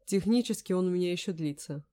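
A woman voicing a charming young man with a velvety, mellow voice who talks in an easygoing, teasing way. He sounds amused and relaxed, as in a romance audiobook. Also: fairly low pitch, quick pace, natural voice. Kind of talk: audiobook character voice.

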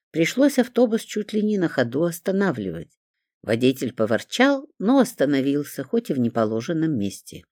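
An audiobook narrator reading a first-person story with expressive storytelling. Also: mid-range voice, no echo, studio quality.

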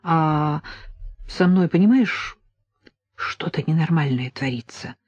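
A woman reading an audiobook, voicing a gentle, good-humored young man with soft warmth. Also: low-pitched, animated, takes it slowly, husky, no room sound, highs cut off, exaggerated voice.

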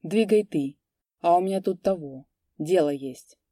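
A woman doing a husky, spiteful peasant thief. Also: on the low side, unhurried, mellow, no room sound, clean studio sound. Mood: gruff. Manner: husky, curt and mocking. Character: gruff, spiteful peasant horse thief, a man.

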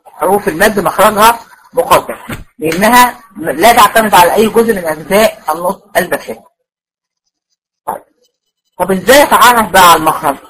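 A woman's voice: mid-range voice, fairly bright tone, slightly rough, low-quality recording. An Egyptian woman teaching a tajweed lecture to female students, explaining step by step and often checking that they follow. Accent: Egyptian Arabic. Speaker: Quran recitation teacher.

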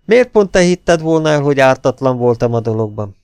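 A man voicing a flippant young adventurer in an audiobook, teasing and matter-of-fact with a lively lift. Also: medium pitch, smooth, no echo, lightly acted. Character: cocky, flippant young adventurer, cynical charmer. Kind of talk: audiobook character voice.

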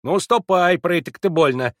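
A man's voice: sits high, normal speed, fairly bright tone, dry recording, clean studio sound, voice pushed up. A man voicing a domineering old woman servant who scolds a visitor. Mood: scolding. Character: bossy old woman servant guarding the door.

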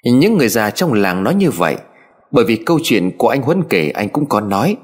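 A man narrating a story in a measured, dramatic way. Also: on the low side, sing-song, breathy edge. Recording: faint background music. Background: faint music.

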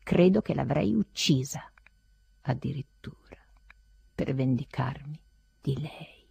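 A woman's voice: a bass voice, slow, creaky, mellow, breathy edge, no room sound. A woman giving a dramatic literary audiobook reading, intense and often dropping into a whisper. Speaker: audiobook reader.

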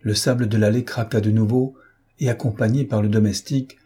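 A man reading a classic novel aloud as an audiobook narrator, with measured, steady storytelling. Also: lowish voice, husky. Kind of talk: scripted narration.

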